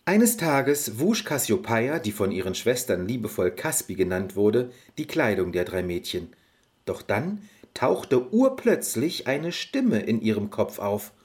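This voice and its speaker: A man narrating a fairy-tale audio story in an expressive storybook manner. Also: medium pitch, unhurried.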